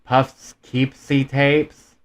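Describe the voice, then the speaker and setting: A man's voice: medium pitch, level tone, extremely slow. A man in his twenties hosting a reaction video, chatting casually and rambling with many fillers. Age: 20s. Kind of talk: casual chat.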